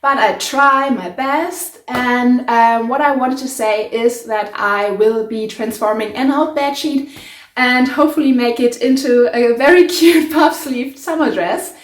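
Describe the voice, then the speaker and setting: A woman's voice: a little high, a little slow. A woman with a German accent chatting casually through a sewing tutorial, giggly and full of ums. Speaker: sewing vlogger. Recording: echoey room with soft guitar music.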